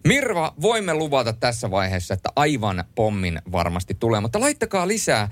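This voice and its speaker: A man hosting a late-night radio show in a studio, chatting and joking lively and reading listener messages aloud. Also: medium pitch, no room sound. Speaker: radio host. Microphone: studio microphone.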